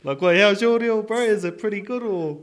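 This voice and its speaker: A man's voice: sits high, a little fast. A man with a broad New Zealand Māori English accent hosting a podcast in casual, laid-back slang. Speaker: podcast host. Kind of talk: casual chat.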